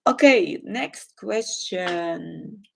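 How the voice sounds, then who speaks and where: A middle-aged woman with a German accent, answering viewer questions in a live chat and pausing often with ums and uhs. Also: fairly low pitch, expressive, creaky, slight background noise. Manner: hesitant, many ums and uhs, gentle.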